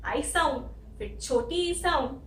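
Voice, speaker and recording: An Indian woman teaching an English lesson, spelling out sounds letter by letter in a slow, careful way. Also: high-pitched, fairly bright tone, reverberant, far from the mic, a little hiss or hum, rough recording. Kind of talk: spoken language lesson.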